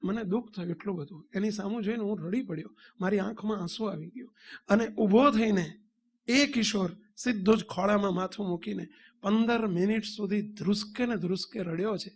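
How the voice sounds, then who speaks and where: A man's voice: high voice, moderate pace, breathy edge. A male swami with a Gujarati accent giving a storytelling sermon to devotees, acting out the dialogue of the people in his story. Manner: addresses devotees, acts out dialogue. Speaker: swami preacher.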